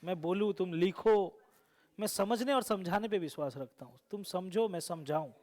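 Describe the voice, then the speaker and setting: A man with a fairly high voice, teaching math in a classroom. He keeps firing the same questions back at the students and teases them as he goes. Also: moderate pace, darkish tone. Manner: teasing, asks the class repeated questions. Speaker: coaching teacher.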